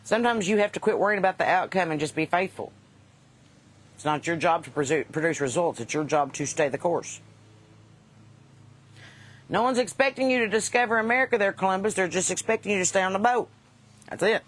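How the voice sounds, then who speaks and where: Fairly low in pitch and lively in intonation, a Kentucky woman with a Southern accent chats with live viewers at a fairly quick clip, broken by long pauses. She's the host and a singer, casual, folksy, unpolished and quick with a wisecrack.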